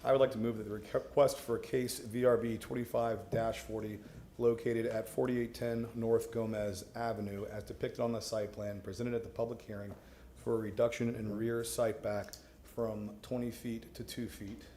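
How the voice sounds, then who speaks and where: A man's voice: lowish voice, flat delivery, normal speed, dark tone. A man who is a board member, stating a formal motion at a public meeting. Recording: echoey room, faint noise.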